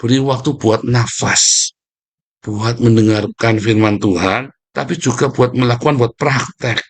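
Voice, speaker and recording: A man preaching a casual devotional sermon, scolding and mocking his listeners in a lively way. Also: mid-range voice, a little slow.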